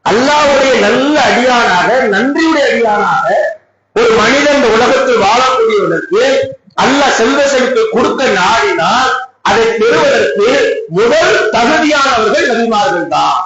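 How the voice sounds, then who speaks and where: A man with a Tamil Nadu accent preaching a Friday sermon in a mosque, impassioned, often shouting with tearful emphasis. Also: very high-pitched, animated, measured pace, a loud crowd. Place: mosque hall. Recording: echoey mosque PA, dull, noisy.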